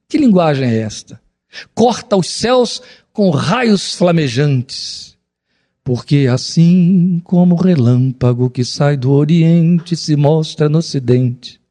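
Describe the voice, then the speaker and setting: A middle-aged pastor delivers a sermon, moving back and forth between loud exclamations and quiet, solemn stretches. His tone is warm.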